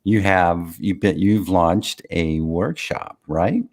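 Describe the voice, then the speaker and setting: A man's voice: low voice, slow. A man co-hosting a podcast, reflecting in casual chat and asking his co-host leading questions.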